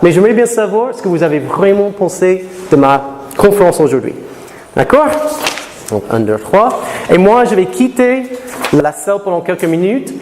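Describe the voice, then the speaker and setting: High-voiced lecturer in a reverberant hall. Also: male voice. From Florida. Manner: lively, switches to slow deliberate English for learners. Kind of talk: classroom talk to students. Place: lecture room. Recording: reverberant hall with faint noise.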